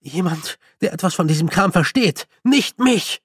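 A man's voice: sits high, lively intonation, normal speed, husky, no room sound, studio quality. A man voicing a frantic young male con man, agitated and breathless. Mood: rattled. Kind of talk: audiobook character voice.

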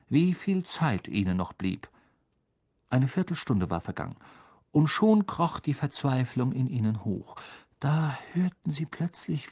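A slow, measured audiobook narration with a gravelly edge. The intonation moves a lot, with a storyteller's rise and fall. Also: medium pitch, dark tone. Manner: measured storytelling with voiced characters. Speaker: reader.

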